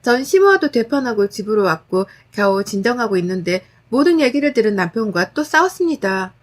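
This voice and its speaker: A woman narrating a dramatized personal story in a firm, calm voice. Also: a little high, fairly quick.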